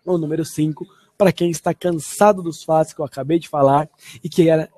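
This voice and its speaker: A Portuguese-speaking man teaching an online lesson, upbeat, repeating English phrases slowly and expressively. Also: fairly high pitch, fairly even intonation, mellow.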